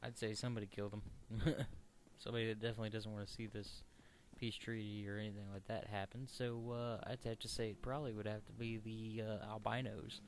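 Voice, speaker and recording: A man giving casual, rambling let's play commentary, halting and searching for words. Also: on the low side, level tone, slight background noise.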